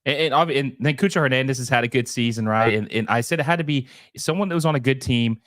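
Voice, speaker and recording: Hoarse, under-the-weather man hosting a soccer stream. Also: medium pitch, quick pace, fairly bright tone, no echo, studio quality. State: under the weather, hoarse and scratchy from feeling sick. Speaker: host of a soccer show. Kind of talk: casual livestream sports commentary.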